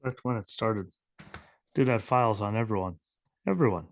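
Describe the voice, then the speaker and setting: A man's voice: fairly low pitch, normal speed. A man co-hosting a podcast, chiming in with offhand, joking remarks. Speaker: podcast co-host. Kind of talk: casual podcast banter.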